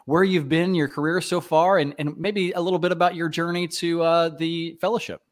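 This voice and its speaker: A man's voice: fairly high pitch, flat delivery, normal speed. A man hosting an interview podcast, encouraging and reflective with his guests. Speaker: podcast host.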